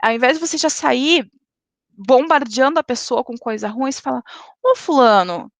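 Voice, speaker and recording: A woman lecturing in a webinar, speaking didactically and tagging points with quick checks to the audience. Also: high-pitched, creaky, dry recording. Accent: Brazilian Portuguese. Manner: didactic, frequent "tá?" tag questions.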